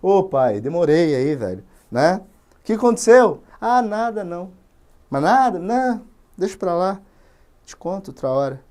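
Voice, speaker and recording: A man's voice: sits high, sing-song, normal speed, a little mellow. A man with a Brazilian accent voicing a tearful young captive warrior who pleads in casual slang. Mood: evasive.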